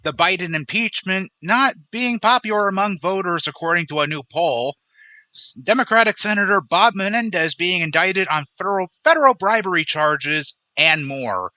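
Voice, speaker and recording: A man hosting a political commentary podcast, sarcastic and indignant as he lays out his case. His voice is higher than most men's and very bright and forceful. The recording is close and dry. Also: lively intonation, moderate pace, dry recording, rough recording. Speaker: podcast host.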